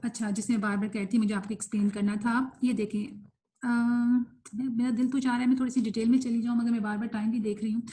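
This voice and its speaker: A woman teaching Quran recitation in an online class, explaining quickly and mixing in English words, then reciting words slowly and stretched out. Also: a little high, level tone, warm tone. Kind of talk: online tajweed lesson, live class.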